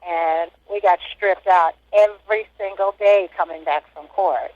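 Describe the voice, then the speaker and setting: A woman's voice: lowish voice, steady tone, measured pace, a little mellow, dry recording. A woman in her sixties, an inmate, recalling her past in plain, matter-of-fact talk over a muffled prison phone line. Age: 60s. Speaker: inmate interviewee. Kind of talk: casual recollection. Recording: dull lo-fi phone call.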